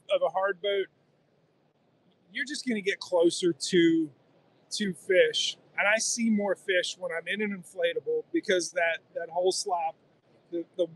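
A man in his forties explaining kayak gear with enthusiasm, interviewed on a phone in a busy convention hall. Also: high voice. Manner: enthusiastic, explanatory, gestures while talking. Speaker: guest kayak angler. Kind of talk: casual trade-show interview. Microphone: handheld phone held by interviewer.

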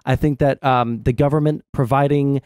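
A young adult man hosting a stream, explaining his political views casually in a measured, halting way. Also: mid-range voice, steady tone, a little mellow, clean tone, no room sound, studio quality. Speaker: streamer host. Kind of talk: casual political discussion over a game stream. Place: small indoor streaming room. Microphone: close desk mic with headset.

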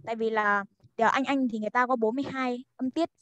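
A woman's voice: a little high, steady tone, quick pace, fairly bright tone, no echo, highs cut off. A young woman, eagerly explaining in a casual study group chat, rambling with many fillers.

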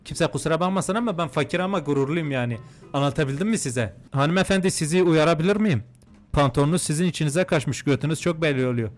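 A young man giving crude, joking commentary while playing a video game, swinging between muttered remarks and mock-outraged shouting. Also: a little high, fast talker, faint music behind. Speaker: gaming YouTuber. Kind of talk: comedic let's-play commentary.

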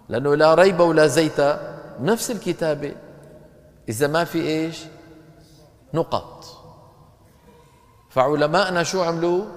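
A man teaching Quran recitation, explaining points with questions to his class and chanting verses slowly. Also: fairly high pitch, long reverb tail. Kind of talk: recitation lesson with chanted examples.

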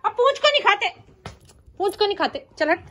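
Woman dog owner, coaxing baby talk, high voice that leaps around. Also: sing-song, brisk, bright, forceful tone. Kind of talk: casual talk to a pet.

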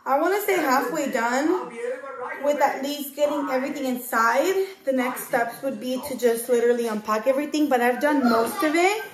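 A young mother chats to her camera in a high, light voice. She rambles and giggles, full of little fillers, in an easy, casual way at home. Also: moderate pace, a crowd in the background, rough recording. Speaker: vlogger and mother. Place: home during a move, indoors.

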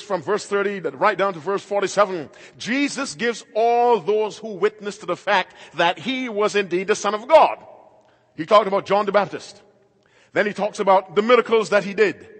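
A middle-aged male pastor preaching a sermon emphatically, moving between loud and quiet passages. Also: sits high. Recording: long hall reverb.

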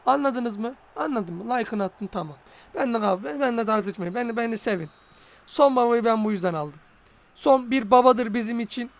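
Man, gaming commentary, excitable, high voice, dull lo-fi sound. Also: normal speed. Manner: excitable, swears, shouts at goals. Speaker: gaming streamer. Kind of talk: live football game commentary.

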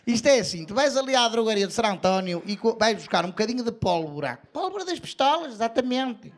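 A man's voice: extremely high pitch, big pitch swings, fast talker. A male comedian voicing a crude middle-aged mother who gives bawdy, matter-of-fact advice. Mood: instructing.

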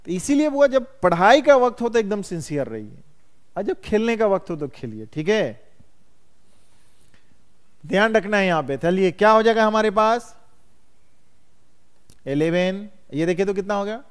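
High-voiced man teaching math. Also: sing-song, moderate pace, long pauses, clear, resonant tone. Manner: quizzes students constantly, calls them "बउआ". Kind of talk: classroom lecture.

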